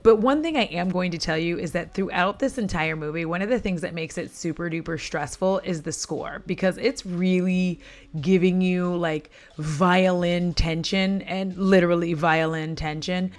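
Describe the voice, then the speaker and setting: At home while doing her makeup, a woman vlogger retells a film in a casual, chatty, dramatic way, dropping frequent profane asides. Her voice is on the low side and she speaks at a normal speed.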